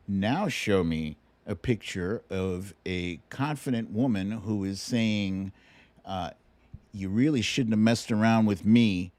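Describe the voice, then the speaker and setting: A man with a low, darkish voice hosts a casual livestream, working through news and viewer comments. His style is wry, teasing and colloquial.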